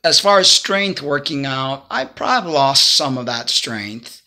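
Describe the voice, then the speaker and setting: His voice is medium-pitched, expressive and sharp, moving a little slowly as he talks. The fifty-something Cuban vlogger sits in his small living room, casually and earnestly rambling through advice into a phone or laptop camera at arm's length.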